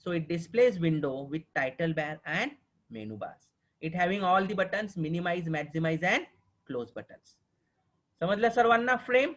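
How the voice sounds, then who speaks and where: A man with a Marathi accent teaching a programming class online, often pausing to ask whether the students understand and slowing down for the English definitions. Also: high-pitched. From Maharashtra, India. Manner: keeps checking if students understand; mixes slow dictated English with quicker explaining.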